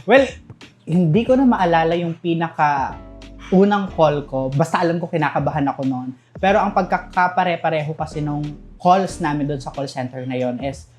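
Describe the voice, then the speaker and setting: Soft music plays behind this young man's voice, which sits on the high side with a darkish tone and normal speed. He's a call center manager from Southern Leyte, Philippines, with a Visayan accent, appearing as a candid interview guest who laughs a lot as he tells stories.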